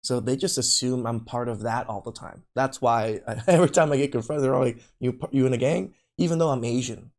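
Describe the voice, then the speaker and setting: A man's voice: mid-range voice, a little fast, few pauses, darkish tone. Laughing male podcast co-host. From Long Beach, California. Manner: laughing, storytelling, emphatic. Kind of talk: casual chat.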